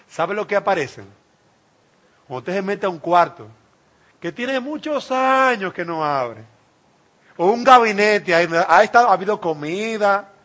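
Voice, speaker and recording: High-voiced emphatic male preacher. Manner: emphatic, swinging between loud cries and hushed asides. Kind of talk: sermon.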